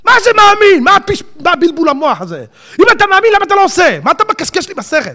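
A man preaching an animated sermon, firing rhetorical questions and acting out little dialogues. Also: very high voice. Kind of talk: lively religious sermon.

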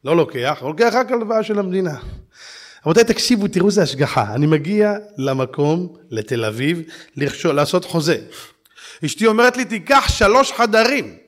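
A man preaching a storytelling sermon with lively, exclaiming delivery and direct appeals to his listeners. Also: fairly high pitch. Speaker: yeshiva preacher.

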